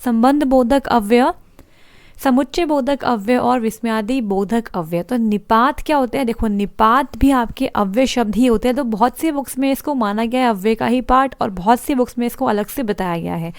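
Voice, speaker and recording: A woman's voice: fairly high pitch, no room sound. A woman teaching a Hindi grammar lesson for exam prep, explaining step by step and asking rhetorical questions. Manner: explanatory, repeats points and asks rhetorical questions.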